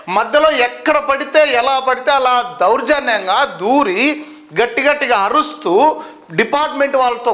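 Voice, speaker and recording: A man's voice: very high voice, a bit bright. A man making an impassioned complaint straight to camera, indignant and rhetorical, repeating his questions for emphasis. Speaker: citizen complainant at a district office.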